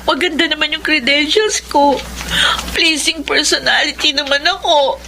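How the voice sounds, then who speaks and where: A woman's voice: sits high, moderate pace, creaky, sharp tone, slight background noise, heavily acted, rough recording. An actress playing a bubbly, dreamy young woman graduate in a Filipino radio drama, peppy and emotive with a Filipino accent. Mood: tearful. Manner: peppy, emotive, mixing in English.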